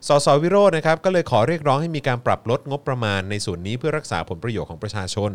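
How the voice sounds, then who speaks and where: Man, talk show co-host, casual news commentary, rapid pace, swooping pitch, jokey colloquial phrasing. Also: big pitch swings. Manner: colloquial, jokey, with polite particles.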